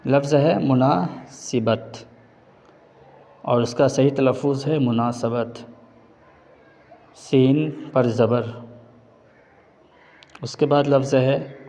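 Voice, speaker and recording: Man, language teacher, mellow tone, careful slow enunciation, long reverb. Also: medium pitch, steady tone. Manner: slow, deliberate word-by-word enunciation. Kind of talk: pronunciation lesson.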